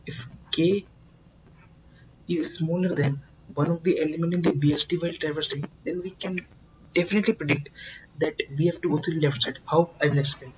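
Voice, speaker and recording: Man slowly explaining a coding lesson. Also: fairly high pitch, steady tone, muffled recording, a crowd in the background. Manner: slow, repetitive, emphatic explaining with many fillers. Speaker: programming tutor.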